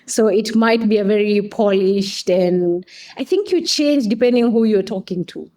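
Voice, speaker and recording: Speaking at a normal speed in a mellow, mid-range voice, a Kenyan woman with a Kenyan accent explains things articulately. She is a coffee company staff member appearing as a guest on a podcast, in a conversational interview.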